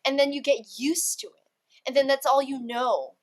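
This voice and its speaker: A woman from Malaysia speaks as a guest in a relaxed interview held over a video call. Her voice sits a little high, and she talks in an animated way, slipping into quoted voices as she goes. The chat is loose and full of fillers. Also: normal speed. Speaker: guest, actress and entrepreneur.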